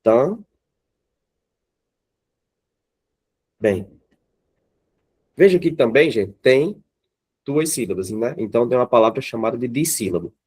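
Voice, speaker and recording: A man's voice: medium pitch, animated, brisk, darkish tone, husky. Brazilian man teaching a live class. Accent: Brazilian Portuguese. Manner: checks in with the class often, asks the students questions. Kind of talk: classroom grammar lesson.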